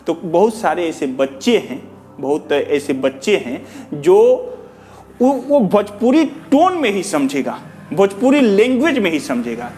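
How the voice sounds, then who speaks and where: Man, teacher addressing students, earnest, rhetorical, slightly raised pitch. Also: darkish tone. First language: Bhojpuri. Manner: earnest, repetitive, rhetorical questions, mixes in English. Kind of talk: addressing students, reading out feedback.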